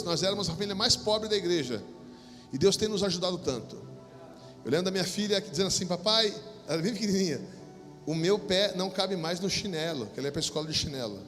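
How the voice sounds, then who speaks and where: A middle-aged Brazilian man preaching a sermon as pastor, swelling into bursts and then dropping low to tell a story. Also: a bit bright. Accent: Brazilian Portuguese. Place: church hall. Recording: long reverb of a church hall.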